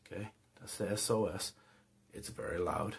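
At home, a man shows off a radio in a casual product demo, pausing slightly as he thinks out loud. He's a product reviewer with a deep, slightly rough voice that keeps a fairly even intonation at a moderate pace.

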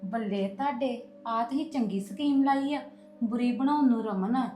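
A woman's voice: a little high, normal speed, mellow, faint music behind, natural voice. Woman playing a weary placating mother. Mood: defensive. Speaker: mother-in-law. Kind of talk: web drama acting. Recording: echoey room.

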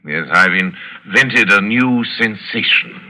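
An actor playing an urbane, menacing older aristocratic general and hunter in 1940s radio drama style, savoring his words with deliberate theatrical polish. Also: on the low side, pushed and bright, full character voice. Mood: boastful, relishing. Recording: vintage radio drama broadcast recording.

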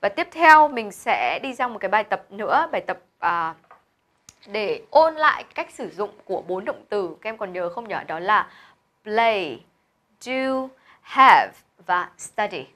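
A woman's voice: medium pitch, big pitch swings, normal speed, a bit bright. A woman English teacher explaining a textbook exercise step by step, patiently, with a Vietnamese accent on the English words. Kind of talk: classroom video lesson.

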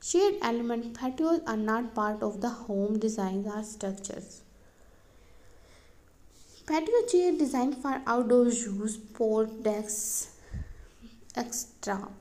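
Woman reading out a how-to list, bit high-pitched, trips on words now and then. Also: animated, slow pace, pauses often, darkish tone, rough recording. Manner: reads questions and answers like a list, with some slips and restarts. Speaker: narrator. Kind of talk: read-aloud explainer narration.

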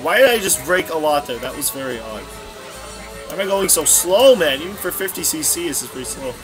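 With lively intonation and a brisk, somewhat high voice, a young man rambles casually as he plays a racing game. This let's play commentator is scatterbrained, repeatedly correcting himself mid-sentence, while game music plays in the background.

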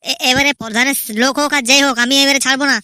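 A woman's voice: sits high, very fast, sharp tone, dry recording. A woman voicing a stubborn, defensive young husband in a cartoon. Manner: defensive, irritated, firm.

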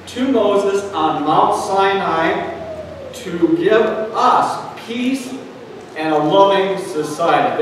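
A man preaching a sermon in a church, speaking earnestly with frequent pauses and fillers. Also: high-pitched. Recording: echoey church hall, mic at a distance, faint room noise.

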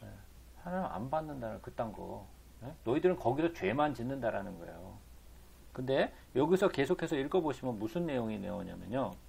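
A man's voice: medium pitch, very animated, a little fast, vocal fry, a little mellow, a little hiss or hum. A man teaching the Bible, reading scripture aloud and then asking rhetorical questions that he answers himself. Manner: reads scripture aloud between explanations.

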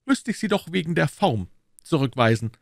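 A man reading aloud puts on a proud young musketeer, disdainful and icy behind his polite words. The voice rides well above the reader's own and swings high and low, heard close and dry. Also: sing-song, moderate pace, creaky, no echo. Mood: haughty. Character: young male musketeer, cold and haughty. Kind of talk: audiobook character voice.

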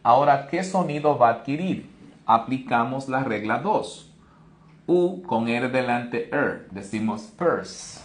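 A man's voice: medium pitch, lively intonation, a little slow. A man teaching English pronunciation in an online lesson, explaining each rule step by step and praising viewers by name.

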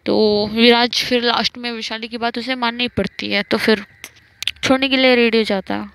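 A woman's voice: fairly high pitch, steady tone, moderate pace, gravelly, a bit bright, slight background noise. A woman casually telling a love story aloud, acting out the dialogue lightly and often correcting herself mid-sentence. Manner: retells dialogue loosely, often corrects names with "matlab".

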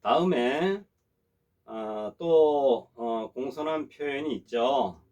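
A man performing a middle-aged language teacher giving a classroom lesson. His pitch sits in an ordinary middle range, and he talks with patient, repetitive care. He keeps checking that students understand and draws out model sentences slowly for them to copy. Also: a little mellow.

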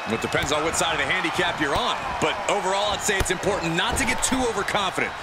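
A man's voice: sits high, quick pace, close to an everyday voice. A man playing an assured wrestling color commentator who gives analysis in a video game. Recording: loud arena noise behind voice.

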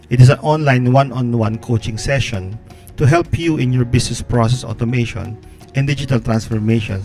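Here the host, a business consultant, explains business software in a steady, medium-pitched voice, reading scripted tutorial narration with the odd filler word. The recording is dry with no room sound, made on a close podcast mic in frame in a home studio hung with guitars.

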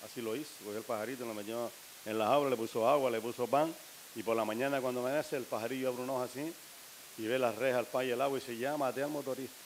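A man's voice: mid-range voice, fairly even intonation, fast, a little hiss or hum. A man telling a string of jokes to a live audience, acting out the characters' lines. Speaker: stand-up comedian.

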